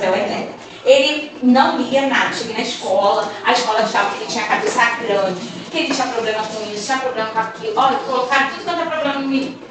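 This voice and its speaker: A woman with a high voice tells stories in a casual talk to a group of teachers, playing the voices of the children and parents she describes. She is recorded from a distance, and a heavy echo fills the room. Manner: animated storytelling, acting out children and parents. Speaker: guest speaker on gifted education. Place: large room or hall at a school training session. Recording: echoey room, voice from far off.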